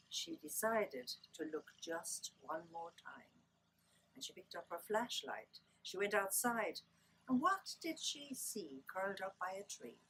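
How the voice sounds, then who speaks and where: A woman with an Irish accent reads aloud as a children's storyteller. Her lilting voice sits a little low and swings widely in pitch, with dramatic, drawn-out words. There is some faint noise behind her. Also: fairly bright tone, poor audio. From Ireland.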